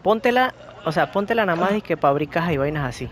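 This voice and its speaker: Fast-talking Latin American man gaming. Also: fairly high pitch, lively intonation. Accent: Latin American Spanish. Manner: slangy, profane. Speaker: video game player. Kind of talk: casual gaming callouts. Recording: noisy game audio behind.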